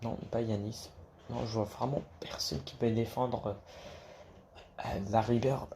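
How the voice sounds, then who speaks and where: A man's voice: medium pitch, fairly even intonation, unhurried, vocal fry, a little mellow, slight background noise. A man talking casually to camera about basketball, rambling with many restarts and casual swearing. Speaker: basketball YouTuber.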